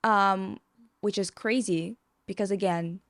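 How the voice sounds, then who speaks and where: A woman from Russia co-hosting a podcast, talking bluntly and quickly in casual chat and swearing freely. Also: mid-range voice, fairly even intonation, dry recording. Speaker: podcast co-host.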